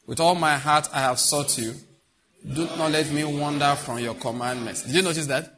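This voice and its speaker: A man's voice: a little high, normal speed, a crowd in the background. A middle-aged man preaching a sermon as pastor, emphatic, repeating key phrases and putting questions to the congregation.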